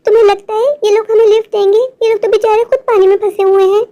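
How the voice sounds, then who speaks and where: A woman's voice: very high voice, little pitch movement, fast talker, dark tone. A performer voicing a timid, anxious young girl who pleads and worries in a cartoon. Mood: worried pleading. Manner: pleading, fearful.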